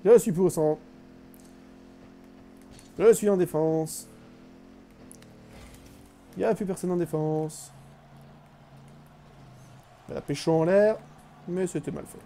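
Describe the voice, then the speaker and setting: A man's voice: sits high, slow pace, long pauses, dark tone, a little hiss or hum. A young man streaming a live game, chatting with his viewers, joking and mocking himself as he plays. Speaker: gaming streamer. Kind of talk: live gameplay commentary.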